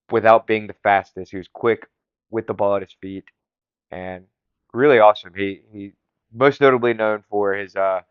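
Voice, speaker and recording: A man talks on his own podcast in a low, smooth, resonant voice, eager and rambling, with fillers and false starts. The sound is dry and a little dull, with no room echo. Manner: enthusiastic, rambling, frequent fillers and restarts. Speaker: podcast host. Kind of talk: casual solo podcast monologue.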